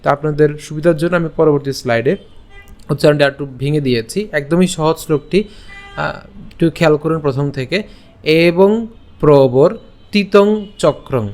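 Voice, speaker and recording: A young man patiently teaching pronunciation, reciting verses slowly syllable by syllable and asking and answering his own questions. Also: on the high side. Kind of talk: pronunciation lesson with slow recitation.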